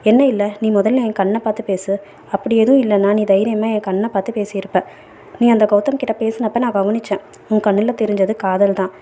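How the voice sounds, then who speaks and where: A woman's voice: medium pitch, fairly even intonation, a little fast, dark tone, slight background noise, close to an everyday voice. A woman reading a story aloud, voicing an angry young woman who accuses her friend of betrayal. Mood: accusing.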